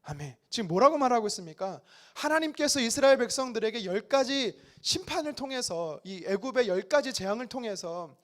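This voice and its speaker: Lively high-voiced male pastor preaching. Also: brisk, hardly any pauses. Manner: conversational preaching, acts out complaining voices. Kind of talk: sermon. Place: church sanctuary.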